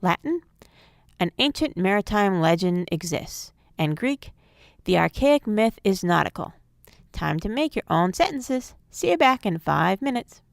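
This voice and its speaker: A woman giving a scripted phonics lesson, speaking in a clear, measured teaching manner. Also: mid-range voice, sing-song, no room sound, clean studio sound. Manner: clear, measured instructional delivery.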